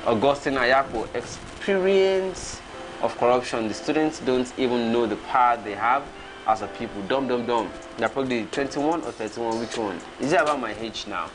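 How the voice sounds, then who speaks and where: A man's voice: medium pitch, normal speed, music in the background. A Nigerian man in his thirties, hosting a casual livestream and reading out viewer comments, chuckling and reacting as he goes. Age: 30s.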